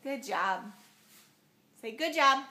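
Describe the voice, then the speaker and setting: A woman's voice: high-pitched, animated, slow, bright, forceful tone. A woman at home in a casual video, coaxing a toddler to repeat words, patiently repeating prompts and laughing often. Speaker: parent coaching a toddler.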